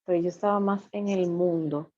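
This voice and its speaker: A woman with a deep, low voice gives a personal faith testimony in a candid, confessional manner, often repeating herself for emphasis. The recording is dry and a little muffled. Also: fairly even intonation, moderate pace, warm tone, dry recording. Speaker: church member giving testimony.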